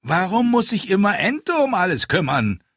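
Male reader as burly boisterous knight, bellowing and high, audiobook. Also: sing-song, normal speed, dry recording, studio quality, full character voice. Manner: loud, boastful, bellowing. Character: big brash bearded knight, boisterous.

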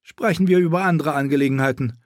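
Male reader as a disdainful queen, high, prim, cutting. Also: quick pace, dry recording, studio quality, close to an everyday voice. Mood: haughty. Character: cold, haughty middle-aged queen.

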